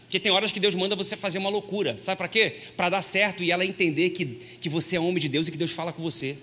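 A man preaching a lively, joking sermon as pastor, folksy and constantly addressing his listeners as brother. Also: sits high, fast. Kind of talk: lively sermon with humorous stories. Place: church hall. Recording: long hall reverb.

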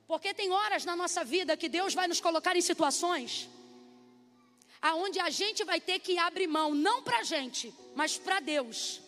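Lady preaching, really high voice, gets the crowd saying amen, echoey hall. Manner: animated, calls for congregation responses. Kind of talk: sermon. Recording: long reverb hall, faint music.

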